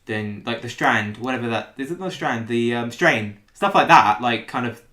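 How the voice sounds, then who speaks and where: A man's voice: medium pitch, lively intonation, normal speed, bright, forceful tone. A man with a London accent, chatting casually on a podcast and rambling through his points. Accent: London English. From England. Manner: rambling, trails off and restarts. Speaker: podcast host. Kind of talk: casual chat. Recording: echoey room, faint noise.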